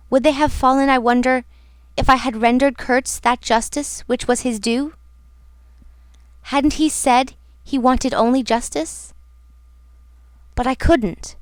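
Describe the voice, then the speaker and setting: Smooth clear woman narrating somberly. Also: on the high side, no echo. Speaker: audiobook narrator. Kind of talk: scripted narration.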